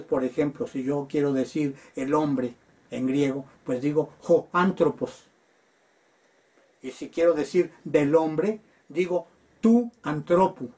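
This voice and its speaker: A man's voice: medium pitch, warm tone. Patient man teaching Greek. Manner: patient, spells out forms with frequent "eh" pauses. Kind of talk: lecture.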